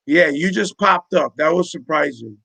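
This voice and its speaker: A man's voice: fairly high pitch, normal speed, vocal fry, bright, forceful tone, husky, dry recording. A man in his forties hosting a casual panel chat on a video call, emphatic and full of street slang, repeating his points. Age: 40s.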